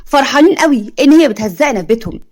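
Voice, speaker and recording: A woman's voice: high-pitched, animated, racing, darkish tone. A woman voicing a sarcastic middle-aged Egyptian aunt who mocks her niece. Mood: indignant. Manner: scornful, sarcastic.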